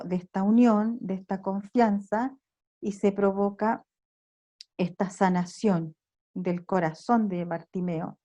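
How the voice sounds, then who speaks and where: A woman leading an online prayer workshop, teaching in a slow, reflective way, with "eh" pauses and questions tossed to the group. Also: mid-range voice, mellow. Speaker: workshop leader. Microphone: online video call recording.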